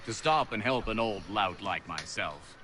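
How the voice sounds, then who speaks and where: A genial, self-mocking old gentleman speaks slowly and courteously in old-fashioned phrases. His low voice swings widely in pitch. Clear street ambience sits behind this video game dialogue. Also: expressive, very noisy. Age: older. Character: genial elderly male inventor, self-mocking, polite.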